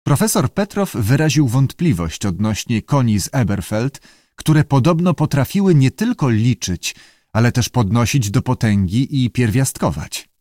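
A man reading an audiobook in a steady, measured way. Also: medium pitch, dry recording, clean studio sound. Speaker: narrator.

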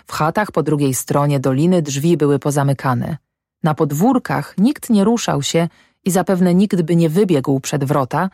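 A woman narrating an audiobook of a classic novel in a measured, even way. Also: deep voice, dry recording, studio quality.

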